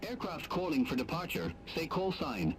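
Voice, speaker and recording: A man's voice: fairly high pitch, sing-song, moderate pace, slight background noise. Male tower controller over headset radio. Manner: clipped radio phrasing. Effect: radio transmission heard through a pilot's headset. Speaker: air traffic controller. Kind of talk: air traffic control calls.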